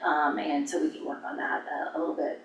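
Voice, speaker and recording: An American woman, a staff official, giving informal updates at a public meeting with hesitant, halting phrasing. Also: deep voice, fairly even intonation. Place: indoor public meeting room. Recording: echoey room, distant mic, faint noise.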